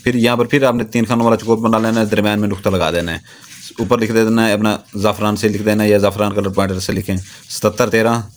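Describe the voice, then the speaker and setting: A man teaching a ritual step by step in a steady, repetitive way, often checking that the listener is following. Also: on the low side. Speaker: spiritual practitioner teaching a ritual. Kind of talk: step-by-step instruction.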